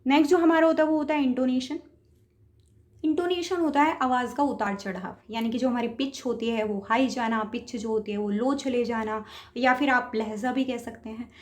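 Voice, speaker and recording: Woman teacher, bit high voice, patient lecture, explains step by step. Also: steady tone, normal speed. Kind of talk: lecture on speech, mixing Hindi and English terms.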